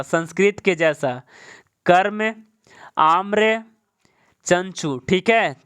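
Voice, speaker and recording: A male teacher with a high, smooth, clear voice walks through an exam-prep grammar lesson at an unhurried pace. He states each point, asks a question about it, answers it himself and then repeats it. He tags most lines with a quick "okay". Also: a bit bright. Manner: keeps saying "ठीक है".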